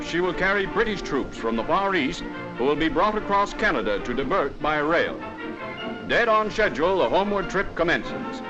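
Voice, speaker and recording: A man reading scripted narration for an old newsreel in a brisk, formal announcing manner. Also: on the high side. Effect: old newsreel sound. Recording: dull lo-fi 1940s newsreel soundtrack with music.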